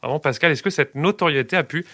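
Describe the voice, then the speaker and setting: Male podcast interviewer with a bright, crisp voice. Gentle and encouraging, close dry studio mic. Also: a little high, fast, dry recording. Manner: gentle, with frequent short listening sounds. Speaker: podcast host.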